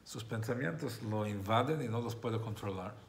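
A man's voice: on the low side, moderate pace, creaky, a little hiss or hum. A man, a rabbi, teaching a religious text class, who explains by repeating and rephrasing his points and tells a story along the way.

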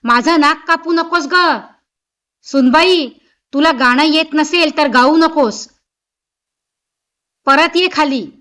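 A woman storyteller voicing a stern, sharp-tongued older mother-in-law who scolds and commands. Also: sits high, takes it slowly, long pauses, heavily acted. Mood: scolding.

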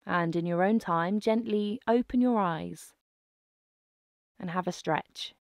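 Slow-paced woman guiding a breathing meditation. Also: fairly low pitch, no room sound, studio quality. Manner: slow, gentle, calming delivery with soft phrasing. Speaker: meditation guide. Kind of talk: guided breathing meditation narration.

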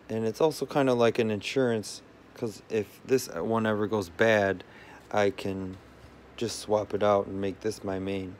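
Speaking in a fairly low voice over slight background noise, a man talks through his tech gear while filming it himself. He's a tech vlogger in a messy room crowded with phones and routers, and his explanations ramble loosely, full of filler words.

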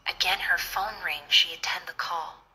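A woman's voice: on the low side, steady tone, normal speed, bright, forceful tone, low-quality recording. A woman narrating a scary story in a plain, earnest storytelling manner. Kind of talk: scripted horror story narration.

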